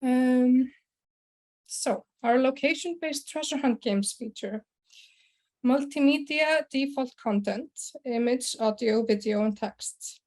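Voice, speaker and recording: A woman's voice: sits high, slow. Young Icelandic woman presenting over video call. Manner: relaxed, with frequent uh fillers and throat clearing. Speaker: conference presenter, sales and marketing director. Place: small room indoors.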